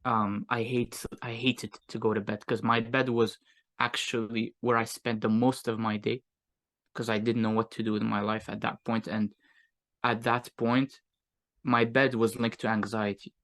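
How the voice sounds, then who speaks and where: A man's voice: medium pitch, flat delivery, normal speed, a bit bright. A young man with a Moroccan accent, telling his own story candidly in an interview in a reflective, casual way. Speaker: guest, agency owner.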